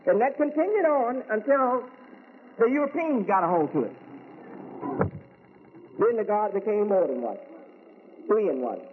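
With a voice that sits high and a sing-song lilt, an American man speaks a little slowly and leaves long pauses in his religious lecture as an Islamic teacher. He asks rhetorical questions and repeats key words; the recording is tinny and phone-like with faint hiss.

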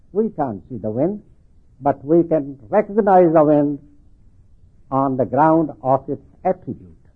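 Husky older preacher with denture-slurred, lips-over-teeth speech. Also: male voice, a little high. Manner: deliberate, halting, repeats phrases for emphasis. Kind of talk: religious sermon explaining scripture. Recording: thin phone-like band-limited sound.

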